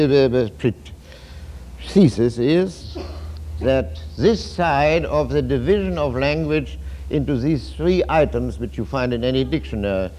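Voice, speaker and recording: A man lectures with a mellow, dark timbre, sitting at a middle pitch. He talks in a halting way, restarting his phrases, but turns emphatic as he lays out his ideas. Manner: philosophical, emphatic. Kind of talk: university lecture.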